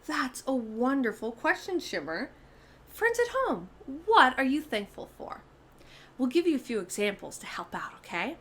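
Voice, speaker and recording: A slightly high, somewhat bright female voice, accompanied by a faint hiss or hum, leads a children's storytime. She reads expressively and speaks straight to her young listeners.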